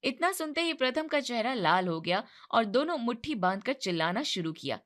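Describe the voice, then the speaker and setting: Woman reading a family story aloud, bright and fairly high voice. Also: very animated, brisk. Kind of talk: scripted narration.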